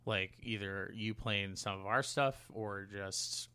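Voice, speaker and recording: This podcast co-host speaks in a lowish, pushed, bright voice that sounds clear and resonant, captured in a dry recording. He chats casually, swears now and then, and rambles in a halting way, interrupting himself as he goes.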